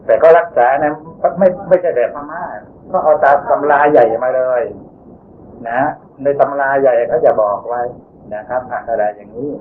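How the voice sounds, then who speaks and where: A man of ordinary pitch teaches a Buddhist dharma lesson at an easy pace, softening his sentences with polite tags. The sound is narrow and tinny, like a phone line, with faint hiss underneath. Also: normal speed. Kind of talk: explanatory dharma lecture.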